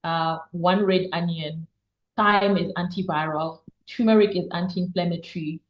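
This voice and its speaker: A woman's voice: fairly low pitch, fairly even intonation, moderate pace, reverberant, muffled recording. A woman giving health advice in a casual question-and-answer chat, explaining at length and repeating words for emphasis. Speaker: health guest expert.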